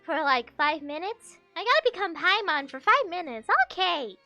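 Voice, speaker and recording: A woman's voice: extremely high pitch, animated, moderate pace, sharp tone, no room sound, soft background music. A woman streamer giving casual, joking commentary while playing a game, often giggling.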